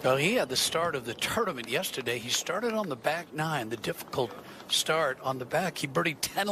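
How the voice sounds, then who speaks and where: A man's voice: lively intonation, normal speed. A man giving live golf tournament commentary, describing shots and greens analytically in short phrases. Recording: noisy outdoor broadcast with ambient rumble.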